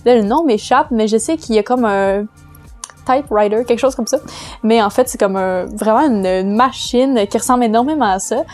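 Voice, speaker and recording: A woman's voice: on the high side, moderate pace, a little mellow, faint music behind. A woman with a Quebec French accent, chatting casually as she explains her writing tools in a vlog, loose and full of hesitations. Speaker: vlogger giving writing tips.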